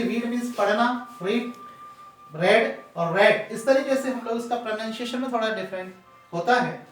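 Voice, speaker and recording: Male teacher explaining to students, spells stuff letter by letter, roomy echo, sounds far from the mic. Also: extremely high pitch. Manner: spells words letter by letter, calls students "beta". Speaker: English teacher. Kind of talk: classroom lesson to students. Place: room with a board. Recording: echoey room, voice from far off.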